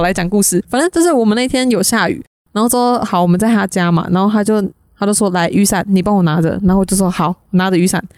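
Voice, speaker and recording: A woman's voice: mid-range voice, darkish tone, dry recording. Podcast guest: young woman, rambling and hesitant, dry close sound. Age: young adult. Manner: rambling, hesitant, many restarts. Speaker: guest graphic artist. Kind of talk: casual podcast chat.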